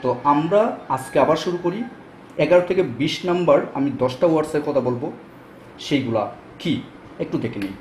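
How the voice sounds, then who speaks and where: A man's voice: fairly high pitch, animated, normal speed, a little mellow. Male pronunciation tutor, casual lesson, fillers, echoey room with faint background hum. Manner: explains step by step with frequent fillers. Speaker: English pronunciation teacher.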